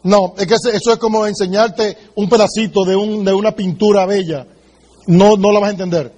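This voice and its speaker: A man's voice: sits high, steady tone, brisk, darkish tone. A man giving a motivational sales training talk, direct and emphatic, speaking straight to the listener and acting out sales conversations. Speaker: business seminar speaker.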